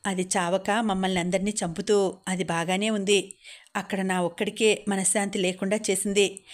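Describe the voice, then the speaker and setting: A woman's voice: mid-range voice, level tone, lightly acted. A woman reading the part of an affectionate, teasing man talking on the phone, in an audiobook. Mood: weary. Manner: teasing, quick and fond. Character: man, playful affectionate husband-to-be.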